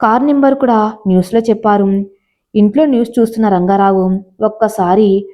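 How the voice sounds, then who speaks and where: A woman narrating a scripted story in a plain, steady storytelling manner. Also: medium pitch, normal speed. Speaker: audiobook narrator. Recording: slightly dull lo-fi audio.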